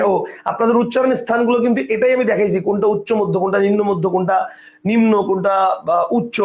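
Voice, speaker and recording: Man, high-pitched voice, teacher, online exam-prep lesson, repeats questions and answers, checks understanding. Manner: explains step by step, repeats questions and answers, asks if it is clear; reads out viewer comments.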